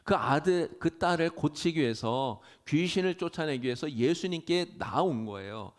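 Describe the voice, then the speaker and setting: A man's voice: fairly high pitch, lively intonation, moderate pace. A middle-aged male pastor delivering a sermon in earnest, rising tones, lifting his voice when quoting pleas. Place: church sanctuary.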